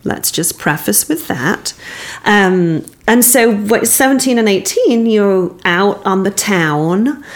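A woman from England, telling a casual anecdote in a measured way. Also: medium pitch, animated.

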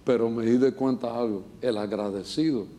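A man's voice: mid-range voice, normal speed, dark tone. An older man, a pastor, preaching a sermon with passion, speaking straight to his listeners and mixing in humor. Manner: impassioned, addresses listeners directly with humor.

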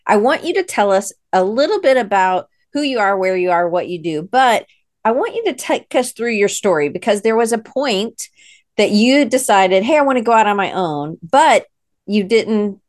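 A woman's voice: medium pitch, expressive, normal speed, no echo, clean studio sound. A woman with an American accent hosting a casual interview in an informal, rambling way. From United States. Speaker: host.

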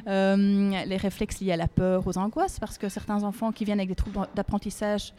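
A woman, a speech therapist explaining her work in a podcast interview, calm and hesitant with many fillers. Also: medium pitch, fairly quick, slight background noise.

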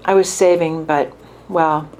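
A woman reading the lines of an earnest, wistful teenage girl in a story, in a soft, mournful voice. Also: deep voice, steady tone, measured pace.

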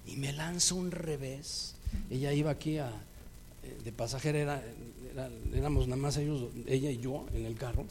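A man with a Mexican accent preaching a sermon, telling a personal story in a lively way and acting out the dialogue. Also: medium pitch, normal speed. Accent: Mexican Spanish.

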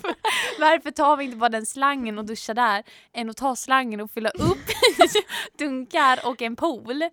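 A teenage girl co-hosting a casual podcast in a small studio, bubbly and giggly, swinging between loud and soft. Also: high-pitched, lively intonation, slight background noise. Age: teens. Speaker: podcast co-host.

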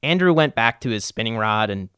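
A male podcast host giving scripted voice-over narration in a smooth storyteller manner. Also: medium pitch, lively intonation, fairly quick, fairly bright tone, dry recording, studio quality.

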